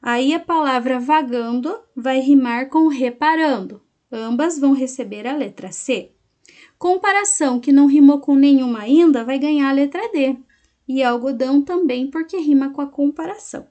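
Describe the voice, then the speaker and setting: A woman teacher explaining a lesson to her class slowly, syllable by syllable, and checking in often with her students. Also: high voice, warm tone.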